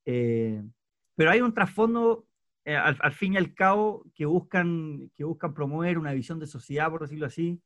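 A male host with a fairly high voice, recorded dry and close with no room sound. He leads a casual discussion. He talks hesitantly, restarting his phrases again and again. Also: lively intonation, normal speed, fairly bright tone, dry recording.

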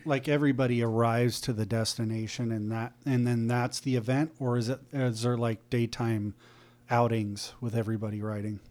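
A man's voice: mid-range voice, level tone, normal speed, darkish tone. Laid-back podcast guy asking the guest stuff, ums and likes. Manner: easygoing questions with fillers. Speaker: podcast co-host. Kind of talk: casual podcast interviewing.

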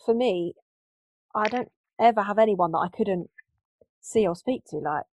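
A woman's voice: medium pitch, normal speed, darkish tone, slight background noise, poor audio. A woman hosting a podcast in loose, casual chat full of fillers. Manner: conversational, loose, lots of fillers. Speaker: podcast host.

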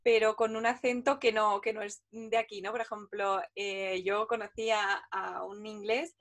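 A woman's voice: mid-range voice, level tone, normal speed, fairly bright tone. Reflective woman podcast host. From Spain. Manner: reflective, often adds tag questions. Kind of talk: casual interview talk.

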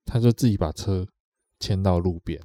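A man's voice: sits low, normal speed, mellow, dry recording, clean studio sound. A man with a Taiwanese Mandarin accent telling a rambling story on a podcast, repeating himself and acting out what others said. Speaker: podcast co-host. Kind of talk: casual storytelling chat.

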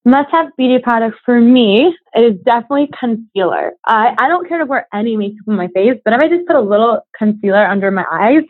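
A woman's voice: a little high, animated, fairly quick, few pauses, no echo, phone-quality sound. A young woman chatting casually as an interview guest, a fitness coach with a bubbly, giggly manner.

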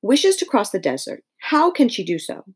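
Casting: thoughtful storybook scarecrow king, performed by a woman, measured and practical, lively intonation, slightly husky. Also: a little high, voice pushed up. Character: living scarecrow ruler, male, thoughtful, contented, practical.

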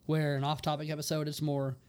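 A man's voice: fairly high pitch, completely flat delivery, quick pace, a little mellow. A man guesting on a podcast, telling stories with enthusiasm in a casual chat. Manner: enthusiastic storyteller, self-described nerd.

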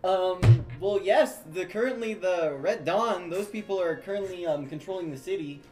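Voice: medium pitch, moderate pace, dark tone, faint music behind. A player speaking hesitantly and informally in a casual improvised tabletop role-play.

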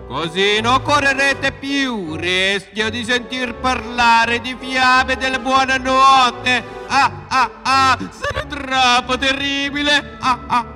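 A cackling hammy villain. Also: male voice, very high voice, voice pushed up. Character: gloating cartoonish male villain, theatrical evil laugh. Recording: long reverb, with music.

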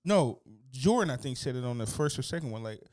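A man co-hosting a podcast in casual chat, telling stories in a loose, animated, profane way. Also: mid-range voice, a little fast. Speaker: podcast co-host.

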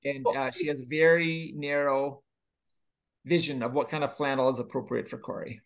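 Male podcast host, mid-pitch, playful, slips into ad reads. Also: steady tone, normal speed. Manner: jokey, reads ad plugs. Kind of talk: casual chat.

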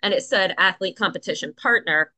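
A woman's voice: mid-range voice, brisk, pushed and bright. A woman talking casually as a podcast guest, explaining with lots of fillers and asides. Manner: chatty, many fillers, explains plainly. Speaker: guest, Paralympic coxswain.

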